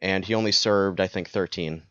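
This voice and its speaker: A man's voice: sits low, steady tone, normal speed, a bit bright, smooth, no echo. A young man co-hosting a casual podcast, laid-back and dry, casually profane. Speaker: podcast co-host. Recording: slightly dull lo-fi mic.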